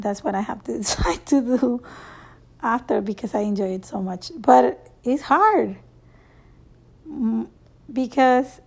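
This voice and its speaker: A woman in her thirties from El Salvador, a Spanish native speaker with a Salvadoran accent, doing a stand-up monologue with halting restarts and chuckles between phrases. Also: mid-range voice, creaky, a little mellow, slightly rough. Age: 30s. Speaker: actress.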